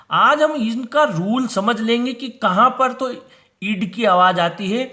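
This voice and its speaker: High-voiced Indian man teaching pronunciation. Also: pushed and bright. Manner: patient, repeats each rule slowly. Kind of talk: explanatory Hindi lesson.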